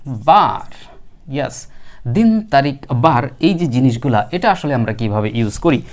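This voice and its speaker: Lively-voiced male English teacher. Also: medium pitch. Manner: patient, repeats words slowly for learners. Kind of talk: spoken English lesson.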